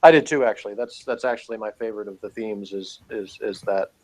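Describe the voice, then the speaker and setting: A man co-hosts a casual podcast chat reviewing a TV show, talking in a rambling, matter-of-fact way. His voice is fairly low and his pace fairly quick.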